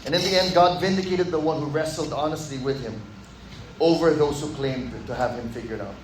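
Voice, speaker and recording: A man preaching a sermon in a conversational, animated way, acting out quotes and slipping in Filipino words. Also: a little high, a little fast, roomy sound, slight background noise, rough recording. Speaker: pastor. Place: church hall.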